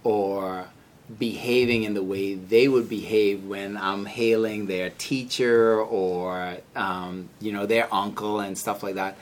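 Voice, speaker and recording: A man's voice: fairly low pitch, fairly even intonation, slow pace. A man with a Bahamian accent speaking as a podcast guest in a conversational, reflective way, often repeating words as he searches for phrasing. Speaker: podcast guest, senior scientist. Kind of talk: conversational interview.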